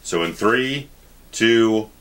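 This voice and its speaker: A man's voice: on the low side, lively intonation, extremely slow, a bit bright, a little hiss or hum. A man hosting a casual film commentary, explaining things informally and swearing freely. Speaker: host of a film commentary channel.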